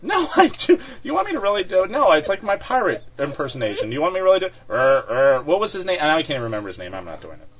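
A man's voice: high-pitched, wildly swooping pitch, very fast, hardly any pauses, fairly bright tone. A man co-hosting a podcast in casual chat, talking with many fillers and restarts and laughing often. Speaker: podcast co-host. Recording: dull lo-fi sound.

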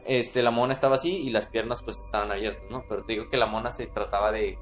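Soft music plays behind a fast-talking man whose voice runs on the low side. Speaking with a Mexican accent, he tells a spooky childhood tale in a casual podcast chat, often pausing to ask his listener "¿no?" or "¿verdad?".

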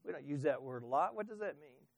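A man preaching a sermon as pastor, swinging from loud emphasis to soft asides and asking the congregation questions. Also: on the high side, expressive, quick pace, gravelly, dry recording.

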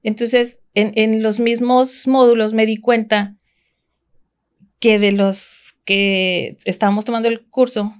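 A woman's voice: fairly high pitch, little pitch movement, takes it slowly, clean tone. Mexican woman telling a story. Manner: rambling, frequent restarts and fillers. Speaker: podcast guest. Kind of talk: casual conversational storytelling.

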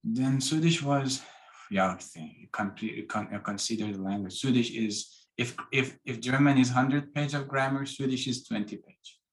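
Man, halting speech. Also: medium pitch. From Iran. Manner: halting, with restarts and non-native grammar. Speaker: guest. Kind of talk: casual interview talk.

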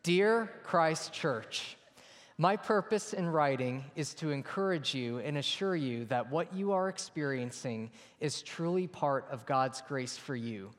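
A congregation of men and women reading scripture aloud together in unison with the pastor, slow and measured, in a church. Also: mid-range voice, expressive, in a large hall. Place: church sanctuary.

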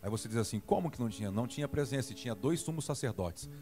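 A man's voice: medium pitch, racing, over music. A man with a Brazilian Portuguese accent preaching a sermon, acting out dialogue and prodding the congregation. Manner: animated, acts out dialogue and prods the congregation.

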